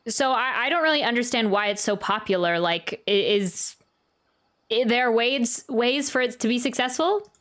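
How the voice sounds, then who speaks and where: A woman game streamer reacts to gameplay in casual chat, rambling and stammering as she thinks aloud. Her voice is a little high, expressive, and a bit bright, at normal speed. Faint game music plays behind her.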